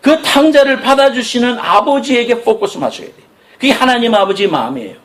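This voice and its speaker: A middle-aged male pastor delivering an animated sermon, dropping low and soft when he quotes God. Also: fairly quick.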